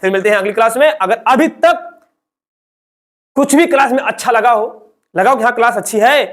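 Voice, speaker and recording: A man's voice: extremely high pitch, a little fast, a bit bright. A man teaching a beginners' English lesson in Hindi, drilling letters one by one, asking questions and answering them himself, and calling his listeners children. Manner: calls listeners children and uses friendly address. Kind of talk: classroom-style online lesson.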